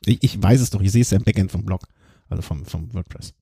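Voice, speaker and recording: A man hosting a podcast in casual conversation, with a husky, raspy voice. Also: deep voice, quick pace, mellow, no room sound, studio quality. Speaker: podcast host.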